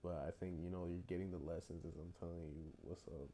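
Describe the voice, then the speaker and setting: A man's voice: sits low, fairly even intonation, fast talker, dark tone, slight background noise. A young man telling a story from his own past in a casual vlog, talking in a blunt, profane, slangy and rambling way. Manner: loose and rambling with many restarts. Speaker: vlogger.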